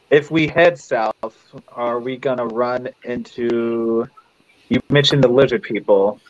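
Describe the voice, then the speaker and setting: A man's voice: medium pitch, highs cut off. A man playing a tabletop game, asking hesitant questions. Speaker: player. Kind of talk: casual tabletop play.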